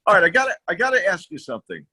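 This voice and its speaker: A man's voice: high-pitched, very animated, very fast, bright, forceful tone, breathy edge. A man co-hosting a casual comedy chat, self-deprecating and stammering through restarts. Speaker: co-host.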